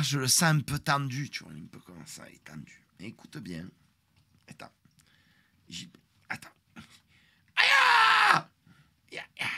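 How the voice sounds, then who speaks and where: A man's voice: fairly low pitch, husky, no echo. A man telling a story on a live stream, acting out the confrontation dramatically. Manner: dramatic, animated retelling that acts out the confrontation.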